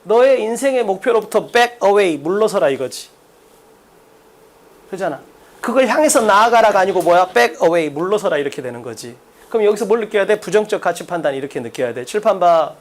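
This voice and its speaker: A male English test-prep lecturer stands at a blackboard teaching exam English, blunt and brash, firing rhetorical questions at his students. His voice is high, with lively intonation and a fairly quick pace.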